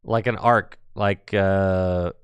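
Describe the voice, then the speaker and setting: A man's voice: sits low, steady tone, extremely slow, clean tone, no room sound. A man giving casual play-by-play commentary on a card game tournament, chatty and thinking aloud as he goes.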